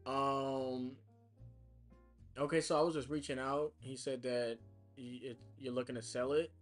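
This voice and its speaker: A man's voice: mid-range voice, steady tone, a little slow. A man live streaming his cold calls, chatty and full of fillers as he explains what he's doing. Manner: chatty, explains as he works, many fillers and restarts. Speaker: real estate caller livestreaming his work. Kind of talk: casual live stream talk. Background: music.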